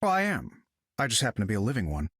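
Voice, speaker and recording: Iron Man, lively glib hero. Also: lowish voice, quick pace, no room sound, clean studio sound, exaggerated voice. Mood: breezy, confident. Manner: wry, casual, self-assured. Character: glib, confident, wisecracking male inventor superhero. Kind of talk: video game character acting.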